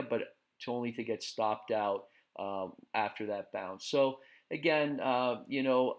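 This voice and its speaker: A man with a medium-pitched voice hosts a casual stock market recap. He talks in a relaxed way, full of fillers and restarts, and his voice is giving out.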